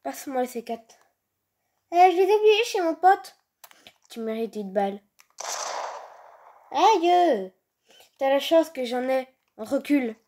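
Her voice is high-pitched and mellow, very animated but measured, with long pauses between bursts. She's a youthful-sounding gaming creator doing improvised, slangy, exclamatory character voices over game footage, filmed on a handheld phone aimed at a screen.

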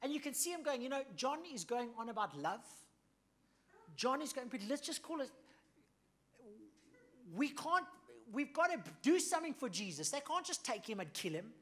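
A pastor from South Africa preaching a sermon in a punchy, emphatic way, swinging between loud bursts and hushed asides and often checking in with "okay?" and "right?". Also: male voice, very high-pitched, very animated, moderate pace.

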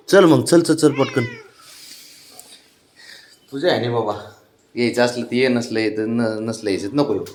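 A man from Maharashtra talking to his pet cat, coaxing and pleading with it in sing-song baby talk. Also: mid-range voice. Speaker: pet owner vlogger.

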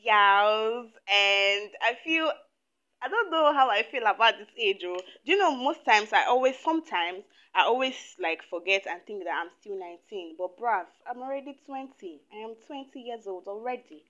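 A chatty young woman from Nigeria talks to her camera with a crisp, bright tone. She is lively and loves to tell stories. Her voice comes through a clip-on mic in a small room, and the sound is a little dull. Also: medium pitch, normal speed. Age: 20s. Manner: chatty, animated, laughs often. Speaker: YouTuber. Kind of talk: casual chat to camera. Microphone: lapel mic.

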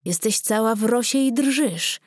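Woman doing shy young village man, soft and coaxing, slow, dry close sound. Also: on the high side, no room sound, voice pushed up. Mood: tender.

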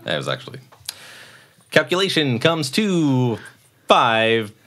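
A man playing a tabletop game, answering in terse, deadpan remarks. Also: mid-range voice, slow. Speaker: player.

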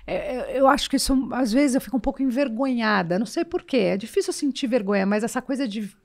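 A woman in her fifties with a São Paulo accent tells stories on a podcast, frank and animated. Her voice sits fairly high for a woman. She talks like a guest at ease in casual conversation. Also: quick pace. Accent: São Paulo Portuguese. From Brazil.

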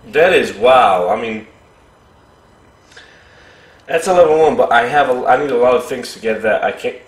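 Excitable man narrating his gameplay. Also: medium pitch, moderate pace. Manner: excitable, thinks aloud, repeats himself. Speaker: gaming commentator. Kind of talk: casual let's-play commentary. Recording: roomy echo.

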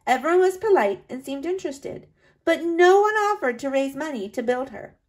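In a read-aloud storybook, a woman gives an earnest first-person reading as a proud, driven French male sculptor. She pitches her voice above her natural register, so it sits high, and it stays expressive at a normal speed.

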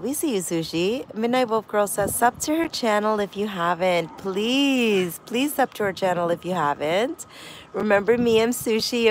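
A woman's voice: fairly high pitch, slight background noise. A woman hosting a casual livestream outdoors, reading viewer comments aloud and greeting them one by one. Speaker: livestream host. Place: windy backyard outdoors.

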